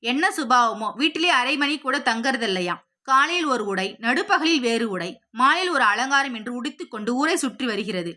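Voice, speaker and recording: A woman reading the lines of a sharp-tongued, disdainful middle-aged housewife in a storybook tale, in a scornful, dismissive way. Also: a little high, animated, moderate pace.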